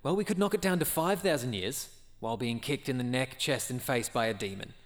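A man playing a brisk, officious afterlife assessor in a comedy sketch, speaking in a matter-of-fact, bureaucratic way. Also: medium pitch, close to an everyday voice.

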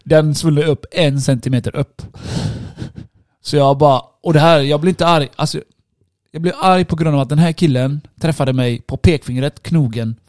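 A man's voice: fairly high pitch, darkish tone, no echo, studio quality. A worn-out man in casual chat, telling a story with lots of swearing. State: tired, worn out.

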